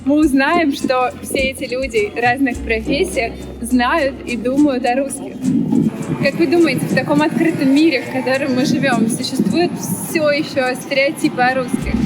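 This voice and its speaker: A woman, the channel's host, giving a measured promo voice-over that speaks directly to viewers. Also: sits high, poor audio. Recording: voice-over over loud music.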